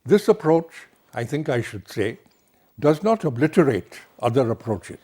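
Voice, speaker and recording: Slow, deliberate lecturer. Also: male voice, medium pitch, sing-song, darkish tone, husky. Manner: slow, deliberate, emphatic delivery. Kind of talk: university lecture on literature.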